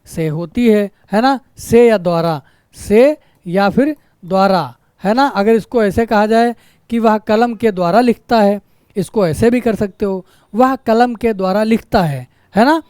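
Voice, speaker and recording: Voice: medium pitch, measured pace, darkish tone, smooth, no echo, studio quality. A grammar teacher explaining a lesson, repeating example sentences and asking rhetorical questions with a frequent tag question.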